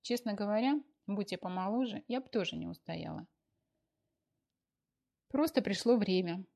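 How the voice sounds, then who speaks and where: A woman's voice: medium pitch, moderate pace, gravelly, warm tone. A woman voicing a fussy, talkative older mother who pours out anxious questions, in an audiobook. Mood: soothing. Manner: breathless stream of anxious questions. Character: fussy chattering older mother, clucking and doting. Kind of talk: audiobook character voice.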